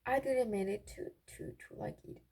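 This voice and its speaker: A woman's voice: on the high side, moderate pace, dark tone. A young woman chatting casually in a giddy, gossipy way, rambling and often interrupting herself. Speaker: vlogger telling personal stories. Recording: clearly noisy raw amateur recording, clicks.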